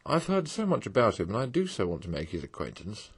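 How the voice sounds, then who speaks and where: A man's voice: fairly low pitch, wildly swooping pitch, fast talker, husky, heavily acted. A man voicing a cautious, mild-mannered male mole in a storybook reading. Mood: eager. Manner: timid, soothing.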